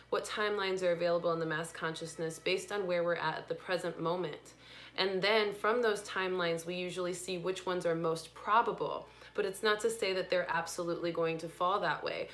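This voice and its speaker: Gentle, low-pitched woman hosting a live card reading. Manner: gentle, unhurried, spiritual tone, greets viewers by name. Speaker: intuitive reader and livestream host.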